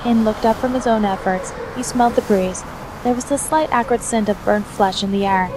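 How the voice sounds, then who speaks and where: In a hobby recording marked by constant background noise, a woman narrates a scripted fan fiction story aloud. Her pitch is medium and her pace moderate.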